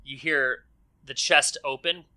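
Slow, bright-voiced male game master. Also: medium pitch, fairly even intonation. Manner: loose, hesitant narration full of ums. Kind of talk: narrating a tabletop game.

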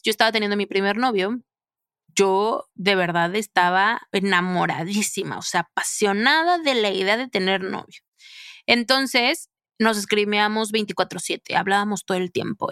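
A woman hosting a podcast, telling a personal story in a chatty, expressive way with lots of filler phrases. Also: mid-range voice, dry recording, clean studio sound. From Mexico. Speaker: podcast host.

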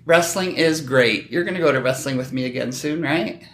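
Bright, forceful middle-aged man bantering. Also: medium pitch, normal speed, roomy sound. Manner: animated, joking, mock-defensive. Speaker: podcast host. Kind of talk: casual comedic banter.

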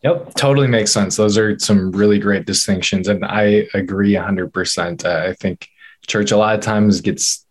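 A man's voice: lowish voice, moderate pace, breathy edge. A man hosting a casual interview, affirming his guest and asking follow-up questions. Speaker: podcast host.

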